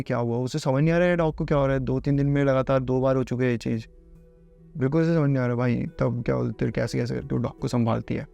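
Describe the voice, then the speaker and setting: A man's voice: mid-range voice, gravelly, dark tone. A man casually narrating a horror storytime, chatty and conversational, calling the listener bhai.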